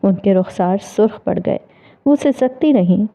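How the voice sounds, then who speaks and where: A woman narrating a dramatic novel in a measured, expressive storytelling manner. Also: medium pitch. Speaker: audiobook narrator. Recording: tinny phone-like audio.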